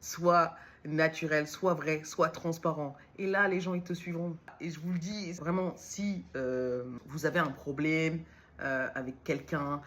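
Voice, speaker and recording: A woman's voice: low voice, fairly even intonation, a little slow, a bit bright. Rambling, self-mocking woman vlogger. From Lyon, France. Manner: rambling, self-mocking, jumps between topics. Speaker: vlogger and entrepreneur. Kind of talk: casual direct-to-camera talk.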